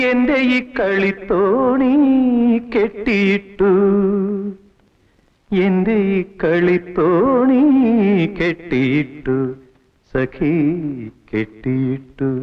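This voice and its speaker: A romantic young suitor crooning a slow love song in an old film. The singing drags out each word, with soft Carnatic music behind it on a dull, muffled soundtrack. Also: male voice, high voice. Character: romantic young man serenading his love. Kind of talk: film song sung over a phone.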